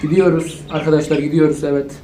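A man's voice: on the high side, level tone, fast talker, a little hiss or hum. A young man playing a horror video game and commenting, panicking, swearing and repeating commands over and over. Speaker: gaming YouTuber. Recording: roomy echo with loud game music.

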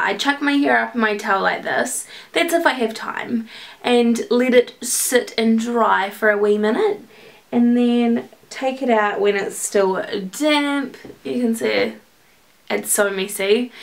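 A woman's voice: a little high, gravelly. Chatty young New woman vlogging. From New Zealand. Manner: chatty, sleepy, laughs often. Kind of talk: casual morning routine vlog. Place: home, bedroom and kitchen.

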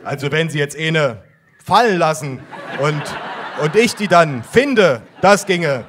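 A man playing a chatty, grinning male police officer who talks loudly and laughs, with faint room noise behind. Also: fairly high pitch, lively intonation, takes it slowly. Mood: jovial. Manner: loud, laughing, folksy.

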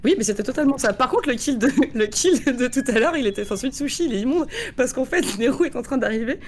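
High-voiced woman arguing her case, stammering. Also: expressive, slight background noise. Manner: quick, stammering, repeats words. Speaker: game player. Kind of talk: casual gaming discussion.

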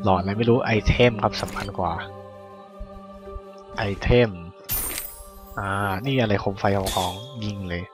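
A man giving casual let's-play commentary on a video game, excitable and full of sudden exclamations. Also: lowish voice, a little slow, pauses often, over music. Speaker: gaming caster.

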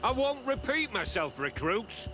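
An actor playing a fanatical, merciless officer who drills recruits in a video game. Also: male voice, extremely high pitch, very animated, measured pace, music in the background, heavily acted. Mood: furious, commanding. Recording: clear background noise.

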